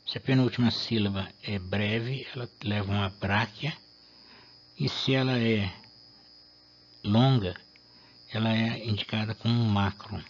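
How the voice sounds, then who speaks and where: A man, explaining a lesson in a measured way and pausing to rephrase himself. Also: fairly low pitch, fairly even intonation, dull audio. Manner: measured, with restarts and fillers. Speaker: Latin teacher.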